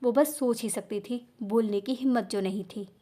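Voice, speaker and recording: A woman with a high voice narrates a dramatic novel, reading with emotive, steady storytelling. The delivery is measured and expressive throughout.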